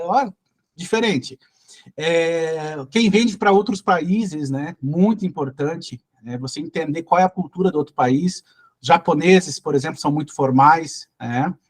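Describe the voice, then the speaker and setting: Brazilian male sales trainer, high voice for a man, coaching tone, constant tag questions. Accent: Brazilian Portuguese. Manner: peppers speech with tag questions; coaching, direct address to learners. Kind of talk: recorded training lesson.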